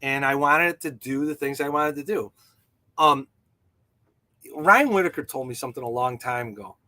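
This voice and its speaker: Man, livestream host, casual chat, bright tense voice, lots of ums, enthusiastic, answers chat. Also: medium pitch, normal speed. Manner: rambling, filler-heavy, enthusiastic; reads and answers viewer chat. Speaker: livestream host and jig designer.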